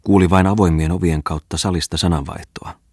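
A man narrating a literary audiobook in a measured, even manner. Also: low voice, breathy edge, no room sound, studio quality. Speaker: audiobook reader.

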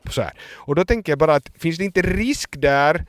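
A man's voice: a little high, expressive, no echo. A Finland-Swedish man in a podcast chat who thinks aloud and searches for words. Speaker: podcast co-host. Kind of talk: casual chat.

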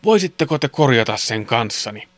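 A man's voice: mid-range voice, expressive, no room sound, natural voice. A man reading a children's story, doing a friendly, apologetic Santa Claus. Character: kindly male Santa Claus.

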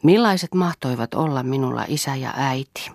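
A woman reading the part of an earnest, thoughtful young orphan woman in a soft, slightly raised voice. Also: a bass voice, no echo, studio quality.

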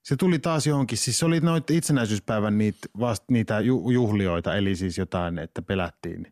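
A man's voice: on the low side, a little mellow, no echo, clean studio sound. A man talking as a podcast guest in casual chat, rambling with frequent laughs and restarts. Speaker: guest, actor and writer.

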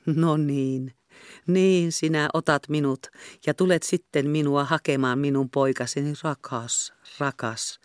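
Woman reading as a weepy young woman, high pleading voice, dry close audiobook sound. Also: sing-song, darkish tone, dry recording. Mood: tender. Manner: high, plaintive and lamenting. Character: tearful young woman in a brothel, pleading and tender.

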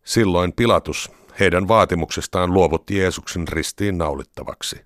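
A man narrating a scripture reading in an even, measured way. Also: low-pitched, dry recording, clean studio sound.

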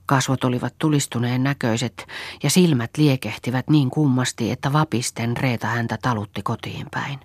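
A woman narrating an audiobook in a calm, measured storytelling manner. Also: very deep voice, husky, no room sound. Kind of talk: scripted narration.

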